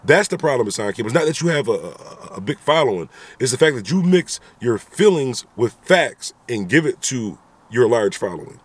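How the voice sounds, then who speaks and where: This thirty-something vlogger talks a little fast in a husky, medium-pitched voice with big swings in pitch. He's animated, addressing a phone camera at arm's length inside a car and airing his views with frequent rhetorical asides.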